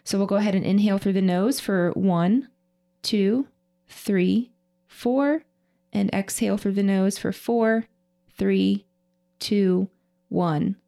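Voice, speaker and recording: A woman podcast host guiding a breathing exercise, counting breaths slowly and in a measured way. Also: mid-range voice, vocal fry, mellow.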